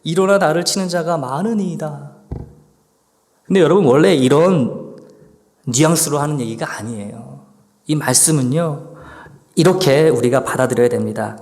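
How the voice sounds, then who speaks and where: A man's voice: fairly high pitch, normal speed, pauses often, a little mellow. A male pastor preaching a sermon, now and then acting out a pleading prayer of complaint. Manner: acts out the psalmist's complaints in a pleading voice. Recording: long church reverb.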